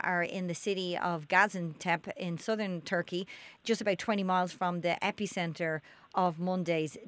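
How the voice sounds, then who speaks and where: A woman hosting a radio interview in a studio, calm and measured. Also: mid-range voice. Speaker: radio host.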